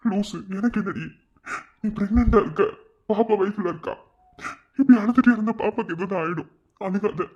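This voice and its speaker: Performer doing a husky worried young husband, soft comforting tone, Madurai Tamil accent, dull lo-fi audio. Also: medium pitch, brisk, long pauses, lightly acted. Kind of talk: cartoon voice acting.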